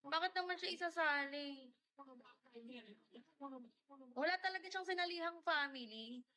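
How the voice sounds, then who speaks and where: Chatting casually on her livestream, a young woman welcomes viewers by name, sliding from Tagalog to English within sentences. She has a very high, bright, forceful voice and keeps a measured pace.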